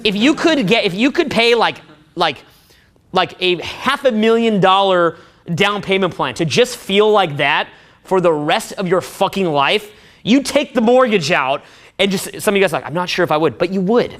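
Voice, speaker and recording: A man's voice: high voice, expressive, normal speed, fairly bright tone. A man giving a profane, boastful talk to a room of men about dating, often laughing at his own stories.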